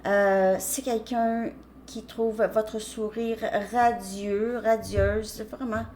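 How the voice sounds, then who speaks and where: A woman's voice: on the high side, level tone, slow pace, a little mellow, slight background noise. A woman giving a casual tarot reading, talking hesitantly with frequent restarts and "ok?" check-ins. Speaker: tarot reader.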